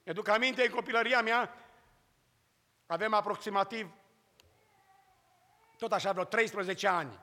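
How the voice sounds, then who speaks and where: A man from Romania preaching a sermon and telling a testimony, swinging between loud cries and hushed storytelling. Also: high-pitched, long pauses. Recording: long hall reverb.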